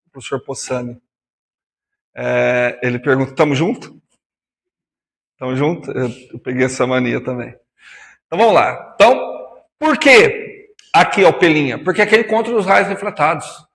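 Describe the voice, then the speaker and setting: A man's voice: mid-range voice, moderate pace, gravelly, a bit bright, big-room sound. A man teaching physics in a classroom lecture with a Brazilian Portuguese accent, chatty and teasing, calling students by nicknames.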